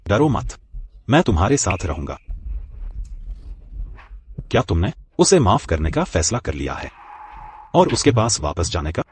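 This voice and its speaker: An actor playing a calm, protective male friend who speaks soothingly and reassuringly, in a drama dub. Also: on the low side, a little slow, pauses often, a little hiss or hum.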